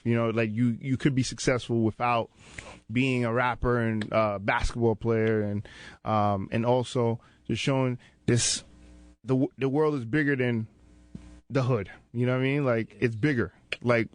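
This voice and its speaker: Male host and youth mentor, mid-pitched, laid-back and encouraging interviewer, dry close mic. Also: no room sound. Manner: easygoing, encouraging, calls students "man" and "brother". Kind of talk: casual interview with students. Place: indoor recording space at a sports arena.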